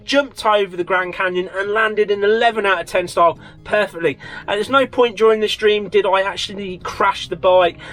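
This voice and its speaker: High-pitched British man vlogging inside a small trailer. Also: steady tone, moderate pace, a bit bright, rough recording. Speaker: motorcycle channel host. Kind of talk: casual vlog chat to camera.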